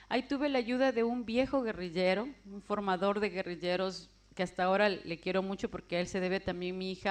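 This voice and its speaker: A woman telling her personal testimony as a vivid story, acting out the voices of the people in it. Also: medium pitch. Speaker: testimony speaker.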